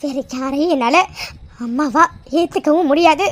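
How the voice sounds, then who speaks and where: A performer voicing a hurt, crying young woman in a cartoon, pleading again and again in a very high voice. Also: moderate pace, background noise, natural voice. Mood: firm, tearful. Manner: pleading, tearful, repeats herself. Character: hurt young woman rejecting her birth mother. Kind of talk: cartoon voice acting.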